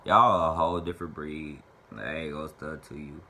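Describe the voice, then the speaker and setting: Speaking at normal speed in a steady tone, this very deep-voiced man sounds pushed and bright. He's in his twenties, from Little Rock, Arkansas, and rambles profanely and playfully in a casual Q&A monologue, answering fan questions to camera in a small bedroom.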